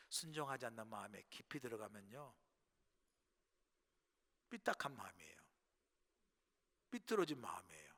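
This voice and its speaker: A middle-aged male pastor preaches in a storytelling way, sometimes dropping to a near whisper and sometimes rising to a loud burst. His voice sits at an ordinary male pitch. It rings with the long reverb of a church sanctuary. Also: husky. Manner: storytelling, swings between hushed asides and loud bursts. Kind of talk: sermon.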